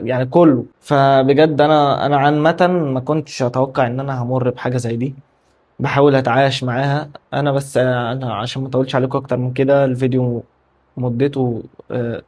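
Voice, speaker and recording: A man's voice: medium pitch, darkish tone. A man with an Egyptian Arabic accent, telling his own story in a casual confessional vlog. He rambles, repeats himself and breaks off mid-word, sounding tired and anxious. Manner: rambling, repetitive, candid, trails off mid-word. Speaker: vlogger.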